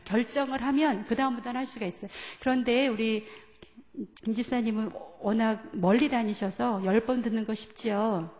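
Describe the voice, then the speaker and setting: A woman's voice: on the high side, a little mellow, long reverb tail. A woman pastor giving a teaching sermon, asking the congregation questions and leading them through scripture readings. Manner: asks the congregation questions and leads group reading. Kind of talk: sermon lecture. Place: church sanctuary.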